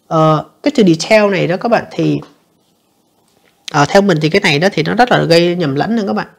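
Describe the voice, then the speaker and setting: A woman teacher, going through an English exam answer by answer and reading the English lines slowly. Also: on the low side, vocal fry. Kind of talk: exam review lesson.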